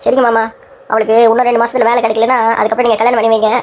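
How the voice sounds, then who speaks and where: A woman's voice: on the high side, flat delivery, rapid-fire, a little mellow. A woman voicing a caring young man who talks earnestly and persuasively in a cartoon story. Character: caring young man, protective of his cousin.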